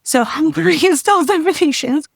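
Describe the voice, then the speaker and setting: A woman physician from Argentina, explaining carefully in an interview, in a measured way with many "like" and "right?" tags. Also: high voice, gravelly, no room sound. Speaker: infectious disease physician guest. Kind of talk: expert interview answer.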